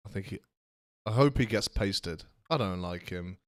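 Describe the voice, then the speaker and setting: A man's voice: deep voice, moderate pace. A young man co-hosting a casual podcast, cracking dry jokes and sometimes reading a report aloud. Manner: dry wisecracking, lively up-and-down delivery. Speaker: podcast co-host.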